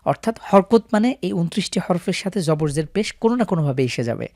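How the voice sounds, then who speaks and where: A man's voice: sits high, lively intonation, fast talker, darkish tone, no echo, studio quality. A man with a Bangladeshi Bengali accent teaching Quran reading, patiently explaining and chanting syllable drills aloud. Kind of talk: step-by-step recitation lesson.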